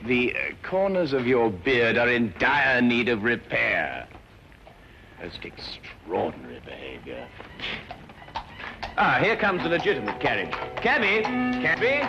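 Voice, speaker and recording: Cool detective, dry and curt, lively pitch, dull lo-fi sound, music behind. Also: male voice, unhurried, creaky, long pauses, full character voice. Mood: mocking. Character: sharp aloof male detective. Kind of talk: TV drama acting.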